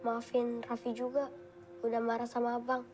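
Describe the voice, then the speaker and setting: A woman's voice: fairly high pitch, monotone, normal speed, a little mellow, soft background music, natural voice. A woman playing a loyal, quarrelsome younger sister. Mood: tender. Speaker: younger sibling. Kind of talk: comedy film acting.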